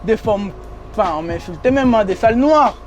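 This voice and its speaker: He is a young interviewee, not a native French speaker, whose high, bright, accented voice is expressive and a little fast as he chats casually in a limousine. Clear music plays in the background while he speaks street slang, repeats phrases and bursts into laughs.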